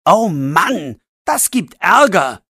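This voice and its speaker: Sarcastic teenage boy voiced by the narrator, slow and clear. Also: medium pitch, big pitch swings, pushed and bright, dry recording, clean studio sound, full character voice. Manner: scolding, sarcastic. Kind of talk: audiobook role voice.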